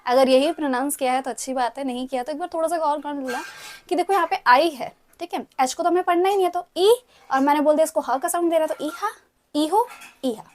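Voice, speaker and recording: High-voiced chatty Indian woman teaching. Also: quick pace, a little hiss or hum. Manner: chatty, mixes Hindi with English, coaxes viewers to repeat words. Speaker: language teacher. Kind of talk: casual online lecture.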